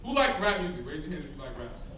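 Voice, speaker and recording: A young man from Chicago's South Side, a rapper appearing as a guest speaker, chats casually with a student audience in a large hall before a live crowd. His voice sits on the high side and comes out very animated, quick, pushed and bright, yet his manner is laid-back and rambling, full of "like" and "um." He holds a handheld mic, but it picks him up from a distance, so the recording is echoey with crowd noise.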